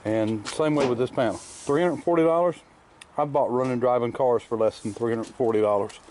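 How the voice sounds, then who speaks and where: His voice is mid-range and darkish, brisk, with fairly even intonation. The man is a car restorer showing his shop work, chatting casually in a workshop garage vlog about restorations, rambling and plainspoken, with many fillers as he chews candy.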